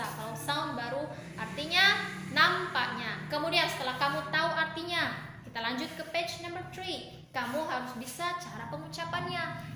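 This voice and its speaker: A woman with an Indonesian accent teaching English in a classroom, switching between Indonesian and English and asking questions and praising students. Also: high-pitched. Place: empty classroom. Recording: very echoey room, faint noise.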